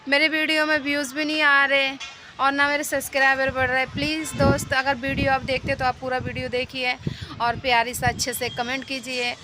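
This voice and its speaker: A woman's voice: sits high, level tone, a little fast. A young woman chatting casually to her viewers from a rooftop, rambling and repeating herself, sounding cold and unwell. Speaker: vlogger. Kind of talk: casual vlog chat to viewers. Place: rooftop outdoors in rain and wind. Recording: loud rain, wind and traffic noise outdoors.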